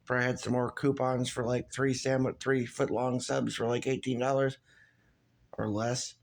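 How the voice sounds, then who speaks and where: A man's voice: medium pitch, level tone, moderate pace, vocal fry. A man ranting casually in a vlog, swearing constantly and rambling with restarts and fillers. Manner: profane, rambling, loose and frustrated. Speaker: vlogger. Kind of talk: casual rant to camera.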